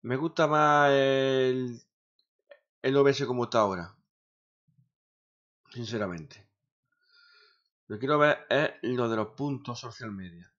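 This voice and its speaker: Grumbling streamer, lo-fi sound. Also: male voice, medium pitch, takes it slowly, pauses often, fairly bright tone. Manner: grumbling, swears often, talks to himself. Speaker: gaming streamer. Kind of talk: casual streaming chatter. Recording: dull lo-fi sound.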